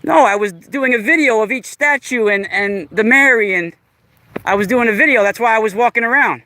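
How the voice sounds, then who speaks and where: A man's voice: sits high, fairly quick, sharp tone, no echo. A man in his forties recording a vlog outdoors in a park, talking in a sarcastic, confrontational way and repeating himself. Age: 40s. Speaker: vlogger. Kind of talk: casual vlog, arguing with a stranger. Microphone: camera mic while filming.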